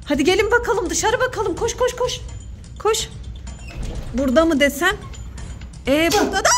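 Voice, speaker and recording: A woman in her thirties, a mother hosting a playful family vlog, talking in an excitable, mock-frightened, teasing way. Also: very high-pitched, normal speed, heavy background noise.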